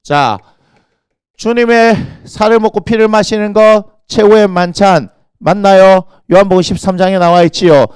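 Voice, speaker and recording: A middle-aged man preaching a lively sermon as senior pastor, telling stories in an animated way and acting out quoted voices with sudden shouts. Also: high voice, normal speed, clear, resonant tone, no room sound, studio quality. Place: church sanctuary.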